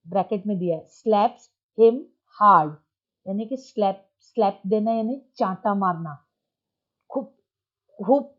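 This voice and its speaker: A woman's voice: medium pitch, dull audio. A woman teacher patiently explaining an English lesson in Hindi, spelling out words and checking with her students.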